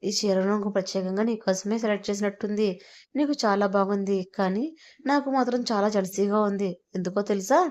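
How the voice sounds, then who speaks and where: A woman's voice: medium pitch, fairly even intonation, a little fast, darkish tone, close to an everyday voice. A woman voicing a playful, insistent young husband who teases his wife, in a romantic audio story. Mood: teasing. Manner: teasing, coaxing.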